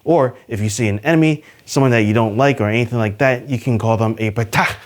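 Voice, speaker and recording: A man hosting a casual trivia video, talking to the camera in an upbeat, chatty way with plenty of fillers. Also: fast talker. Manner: enthusiastic, pitch jumps on list numbers. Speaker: YouTube host.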